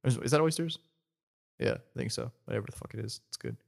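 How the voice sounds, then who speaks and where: A man's voice: medium pitch, quick pace, gravelly. A young man co-hosting a podcast, chatting casually, rambling and swearing, laughing often. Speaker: podcast co-host. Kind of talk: casual chat.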